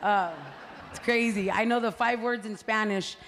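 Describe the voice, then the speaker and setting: A party representative speaks to a crowd at a community meeting, her fairly high, slightly bright voice moving at a moderate pace with fairly even intonation. She talks conversationally, leaning on fillers and "right?" tags. The hall adds reverb, and there's a little hiss or hum.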